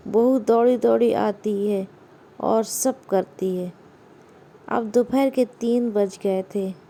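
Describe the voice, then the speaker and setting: Slow, mellow woman storyteller. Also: medium pitch, steady tone. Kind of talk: scripted moral story narration.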